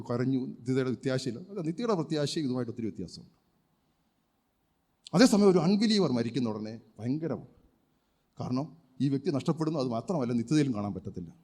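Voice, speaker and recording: A male pastor preaching a sermon emphatically, firing rhetorical questions and breaking into loud cries of praise. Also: on the high side. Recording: long hall reverb.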